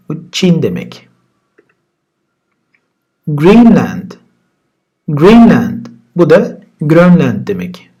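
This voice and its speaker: A man's voice: on the high side, a little mellow, husky. Turkish man drilling English words. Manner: repeats each English word twice, then explains it. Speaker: English teacher. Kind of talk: vocabulary lesson with pronunciation drills.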